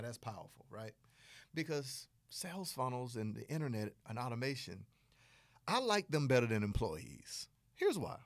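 Southern man, podcast host, animated and playful, very expressive pitch, dry close sound. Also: no echo. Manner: animated and playful, acts out little dialogues. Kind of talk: energetic solo podcast teaching.

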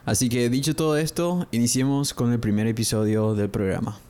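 Man, young adult, english teacher, podcast lesson, mellow warm tone, slow careful repeated pronunciations. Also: medium pitch, fairly even intonation, clear, resonant tone. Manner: slow, drawn-out model pronunciations repeated twice; explanatory, addresses listeners directly.

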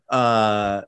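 A man's voice: medium pitch, clean tone, dry recording. A man in his twenties hosting a casual chat with friends, loose and profane, rambling with fillers. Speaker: podcast host.

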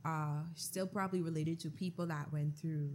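A man's voice: a little high, steady tone, normal speed, a little mellow, a little hiss or hum. A man, a podcast guest, speaking thoughtfully and hesitantly in a casual discussion. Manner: thoughtful, hesitant, filler-heavy.

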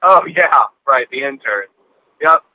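A man in his late twenties, talking through his cell phone on speakerphone as a podcast co-host in casual, rambling chat with halting restarts and casual swearing. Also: medium pitch, expressive, sharp tone, no room sound, muffled recording. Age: late 20s. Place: in a car.

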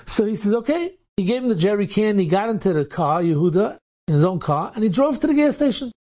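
A rabbi tells an inspirational story, energetically acting out the dialogue in quotes. His voice sits high and he talks quickly with an animated manner.

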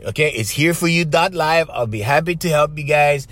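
A man's voice: on the high side, normal speed, fairly bright tone. A man with a Hawaiian Pidgin accent giving an informal motivational talk as a life coach, conversational and often checking in with his listeners.

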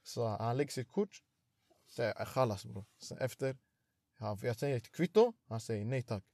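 Young man telling a lively story. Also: mid-range voice, no echo. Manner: animated storytelling, acts out quotes, slangy street talk. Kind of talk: casual chat.

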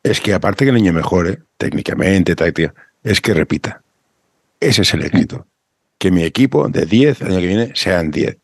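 Man, interviewer and youth coach, very low pitch, raspy, dry recording. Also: animated, normal speed, no room sound. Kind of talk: conversational interview.

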